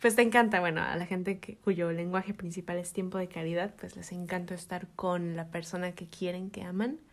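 Speaking at normal speed in a lowish voice, a Mexican-accented woman co-hosts a podcast. Her explanations are casual and teacherly, and she's animated, with frequent laughter.

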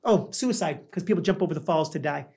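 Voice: mid-range voice, lively intonation, fast, vocal fry, dark tone. Rambling, casual talk show host. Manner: rambling, conversational storytelling. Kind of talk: casual chat.

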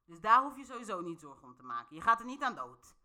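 Quick-paced and pushed, her bright mid-range voice swings a lot in pitch. This woman vlogs in a casual, playful way, laughing frequently and quizzing her viewers to check they're with her.

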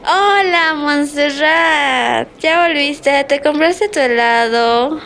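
Woman doing a scheming bossy schoolgirl, real high voice, amateur drama, lots of exclaiming. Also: very slow, a bit bright, heavily acted. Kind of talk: amateur role-play drama.

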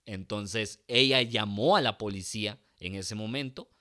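A man telling a crude, self-mocking comic story, swearing freely and acting out shouts. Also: on the low side, a little slow. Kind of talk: comic personal anecdote.

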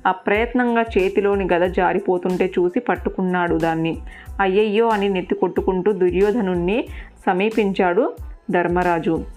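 A woman's voice: fairly low pitch, steady tone, moderate pace, a little mellow. Woman narrating an epic tale. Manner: dramatic, vivid narration. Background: faint music.

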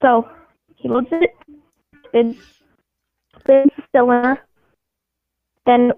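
High-voiced woman on a tinny line. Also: flat delivery, takes it slowly. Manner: rambling, many restarts, giggly. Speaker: game host posing scenarios. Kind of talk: casual chat. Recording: tinny phone-like dry sound.

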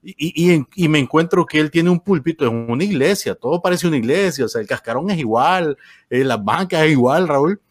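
His voice is a little high with lively intonation, and the studio recording carries no room sound. Speaking Honduran Spanish on a casual panel, this man rambles haltingly, restarting often and filling gaps with "eh."

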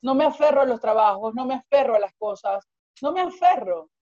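A woman speaking as a guest life coach in a podcast conversation, explaining at length in an expansive, animated way with acted-out examples. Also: fairly high pitch, a little fast, dull audio.

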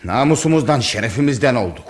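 A man's voice: medium pitch, lively intonation, quick pace, lightly acted. An actor playing a stern, hot-tempered village father who guards his family's honor and barks orders. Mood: angry. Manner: domineering, barking orders. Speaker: angry father of the household.

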